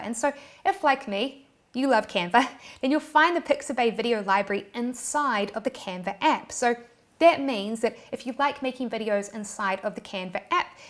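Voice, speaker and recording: A young woman with a New Zealand accent hosting an online tutorial in a cheerful, scripted way, throwing in little cheers. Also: fairly high pitch. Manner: cheerful, bursts of "yay" and "woohoo".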